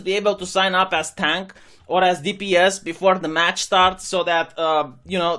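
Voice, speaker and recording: High-voiced sarcastic young man ranting. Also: fairly bright tone. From Romania. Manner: sarcastic, mocking imitations of critics. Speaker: channel host. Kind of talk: opinion commentary.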